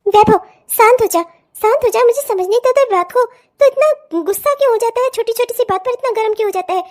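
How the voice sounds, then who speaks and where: Casting: woman as a high-voiced cartoon mother-in-law, honeyed and sly. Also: fast talker, a little mellow. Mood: coaxing. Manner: coaxing, motherly. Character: soothing middle-aged mother-in-law, cunning. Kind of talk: cartoon voice acting.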